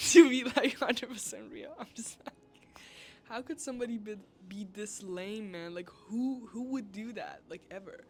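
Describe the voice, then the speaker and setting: A woman vlogger telling a story in a casual, animated rant, filling her talk with "like" and swearing when she is exasperated. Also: mid-range voice, unhurried.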